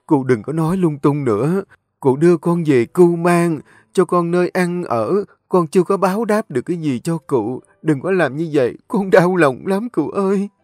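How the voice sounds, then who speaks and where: A man's voice: a little high, lively intonation, normal speed, a little mellow, no room sound, studio quality, soft background music, voice pushed up, natural voice. A man voicing a determined, tender young woman from the countryside, talking in an emotional, pleading way.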